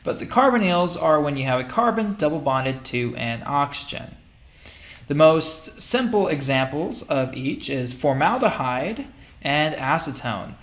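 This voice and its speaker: A chemistry lecturer talks casually over slides in a recorded lecture, thinking aloud, using fillers, pausing, and correcting his own slips. His voice is a little high for a man, and the room has a noticeable echo.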